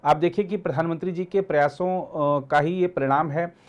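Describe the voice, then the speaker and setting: A man with a fairly high voice and steady tone speaks as an editor and commentator in a political discussion, halting and frequently repeating words and phrases. The audio sounds dull.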